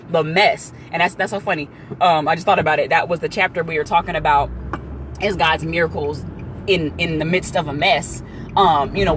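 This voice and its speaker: A young woman, chatting excitedly in a casual live video about her church class and business, full of likes and ums. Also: low-pitched, slight background noise.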